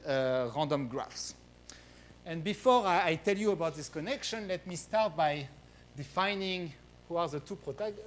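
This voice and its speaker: French-accented male lecturer, fairly high voice, halting delivery, faint hiss behind. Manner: hesitant, many fillers and restarts. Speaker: guest lecturer. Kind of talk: math research talk.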